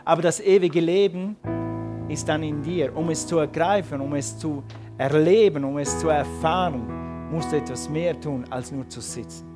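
A man preaching a sermon and calling his congregation to respond. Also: on the high side. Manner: preaching with rising emphatic calls to the congregation. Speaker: pastor.

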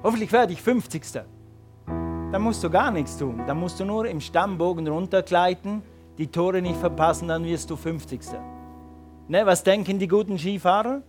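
A man's voice: sits high, normal speed. Male preacher over music. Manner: preaching with rising emphatic calls to the congregation. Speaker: pastor. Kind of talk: sermon.

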